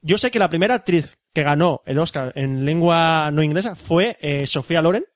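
A man hosts a casual talk show, explaining things with lots of "eh" and restarts. His voice sits a little high, and the recording is close and dry. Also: expressive, moderate pace, dry recording. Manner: explains plot with many fillers and restarts. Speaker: podcast host. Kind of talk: casual chat about a film.

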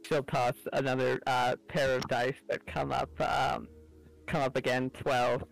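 A man narrates a tabletop horror game as game master. His gravelly voice rambles through the scene with plenty of fillers. Soft music plays underneath. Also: mid-range voice, flat delivery, measured pace, rough recording. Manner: loose, filler-heavy narration.

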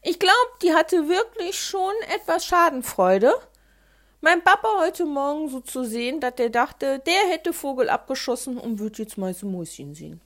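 A woman telling a childhood story in a chatty, colloquial manner. Her voice sits high and moves lively up and down in pitch. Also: moderate pace.

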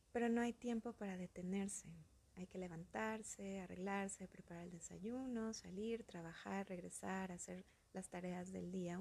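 Female podcast host, gentle and slow, half-whispered delivery, mellow and a bit raspy. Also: mid-range voice. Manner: soft, slow, often breathy and whispery. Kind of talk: calm reflective podcast monologue.

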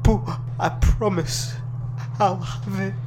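A woman playing a frightened, desperate debtor and parent, pleading haltingly in a naturalistic drama. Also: medium pitch, steady tone, close to an everyday voice. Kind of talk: naturalistic screen drama acting. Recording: noisy hum behind voice.

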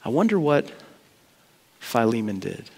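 An earnest male pastor delivers a conversational sermon, weaving in personal stories. His voice sits at an ordinary middle pitch. The sound rings out with the long reverb of a large church hall. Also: very animated, a little slow, vocal fry, slightly rough. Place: church sanctuary.

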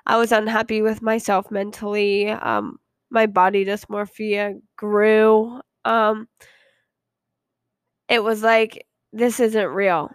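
A woman's voice: mid-range voice, little pitch movement, slow pace, clear, resonant tone, no echo, studio quality. A young woman hosting a podcast, telling her own story in a rambling, hesitant, confiding way with frequent ums. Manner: earnest and confiding. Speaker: podcast host. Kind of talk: casual personal storytelling.

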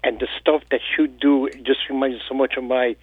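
A man's voice: medium pitch, steady tone, a little fast, no echo. A man from Italy, calling into a radio show, friendly and agreeable, often repeating himself. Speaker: caller. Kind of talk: casual phone call to a radio show. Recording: tinny phone line.

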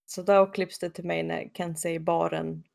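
A woman casually recapping a TV episode, animated and jumping into quick comic voices for the characters. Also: on the low side, creaky.

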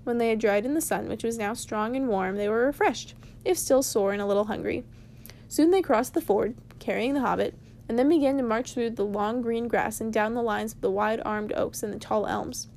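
Woman reading a storybook aloud, slightly higher voice, steady and unhurried. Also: a little hiss or hum. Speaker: reader. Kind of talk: storybook read-aloud narration.

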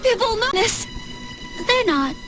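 An actress voicing a young woman cartoon character who asks slow, worried questions. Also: extremely high pitch, very animated, exaggerated voice. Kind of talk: animated film dialogue. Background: cartoon film music.

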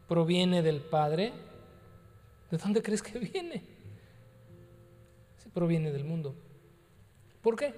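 Man, pastor, conversational sermon, emphatic repetition, fairly high voice, long hall reverb. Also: vocal fry.

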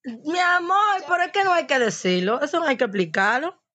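A woman's voice: high-pitched, sing-song, quick pace, fairly bright tone, no room sound. A woman co-hosting a podcast, joking and dramatic in casual chat. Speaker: podcast co-host. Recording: dull lo-fi sound.

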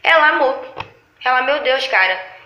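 A woman in casual chat, telling animated stories about her lash clients and acting out their lines. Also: sits high, normal speed, dull audio. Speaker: lash artist. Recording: echoey room.

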